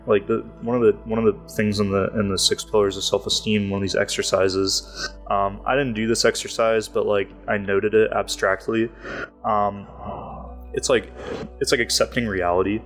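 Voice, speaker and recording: A man's voice: fairly low pitch, flat delivery, normal speed, a bit bright, soft background music. A man talking casually as a podcast guest, rambling and filling his speech with "like". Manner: rambling, heavy use of "like" fillers. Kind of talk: casual interview talk.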